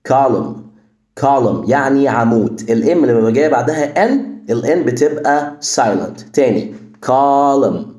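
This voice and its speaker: An Egyptian Arabic-accented man teaches English words and says each one several times, slowly and clearly. His pitch moves up and down a lot. The voice rings in a roomy, echoing space. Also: a little mellow. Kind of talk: English pronunciation lesson. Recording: echoey room.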